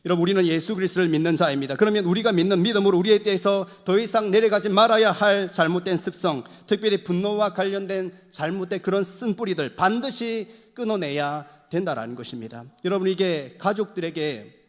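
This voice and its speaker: Male pastor, fairly high voice, earnest sermon delivery, long reverb of a church hall. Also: brisk, few pauses. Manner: earnest preaching, repeatedly addressing the congregation. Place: church sanctuary.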